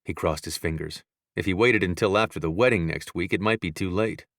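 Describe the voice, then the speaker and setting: A man with a fairly low voice narrates a romance novel, calm and measured. The recording is dry and close, with no room sound. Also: no room sound. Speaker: audiobook narrator.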